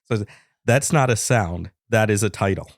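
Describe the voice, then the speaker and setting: A man co-hosting a podcast, recounting a chat in a dry, deadpan way. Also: fairly low pitch, moderate pace, dry recording. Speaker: podcast co-host. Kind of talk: casual chat.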